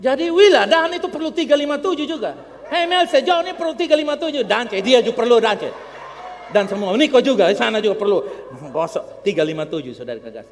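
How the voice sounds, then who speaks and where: Older Kupang-accented male pastor, high-pitched, sermon full of jokes and acted quotes, recorded in a reverberant church hall. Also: lively intonation, fast talker. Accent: Kupang Indonesian.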